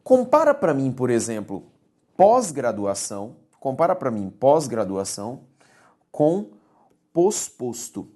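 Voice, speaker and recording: Low, warm woman teacher, didactic lesson delivery, repeats key points. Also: huge pitch swings, a little slow. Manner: didactic, repeats key words, checks in with "tudo bem?". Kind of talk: recorded grammar lesson.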